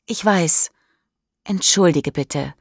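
A woman's voice: fairly low pitch, slow, no echo, clean studio sound. Woman reading a playful teenage boy. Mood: sheepish.

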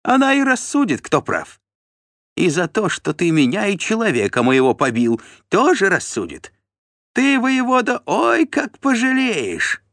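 A man doing a defiant, squealing steward, his voice leaping high and loud as he spits out threats at his captors. He sounds brash and cocky in a dry, close storybook reading. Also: huge pitch swings, measured pace, no room sound, exaggerated voice. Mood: shrill defiant. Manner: shrill, defiant, yelling threats. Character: insolent shrill male steward of a boyar.

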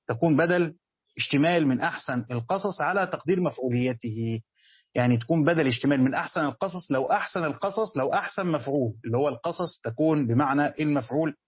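Egyptian scholar, fairly high husky voice, lectures patiently, repeats points, quizzes the class, dull lo-fi recording. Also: male voice. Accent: Egyptian Arabic. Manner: repeats key phrases and poses questions to students. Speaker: Islamic scholar teaching Quran commentary.

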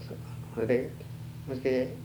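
Recalling the past in an interview, an old man speaks haltingly and plainly with a Chugoku accent from western Japan. His mid-range voice is flat in delivery and dark in tone, captured on noisy archival tape with a hum.

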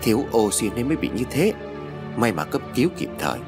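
A man's voice: on the low side, big pitch swings, fairly quick, creaky, over music. Man doing a stern scolding father. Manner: scolding, curt.

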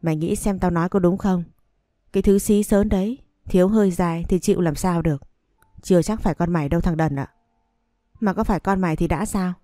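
A woman voicing a sharp-tongued, abusive middle-aged mother who hurls insults at her son in a storybook reading. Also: brisk, no echo, clean studio sound, faint music behind, natural voice. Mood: scolding. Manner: shrill scolding insults.

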